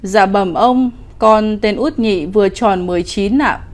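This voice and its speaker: A woman's voice: mid-range voice, a little slow, natural voice. A woman voicing a frightened, pregnant young peasant wife in a ghost story, pleading and tearful.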